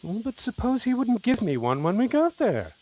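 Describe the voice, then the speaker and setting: A man's voice: extremely high pitch, big pitch swings, normal speed, darkish tone, exaggerated voice, poor audio. A man acting a wistful, sentimental tin man with theatrical, lilting delivery in a parody radio play. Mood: hurt, doubtful.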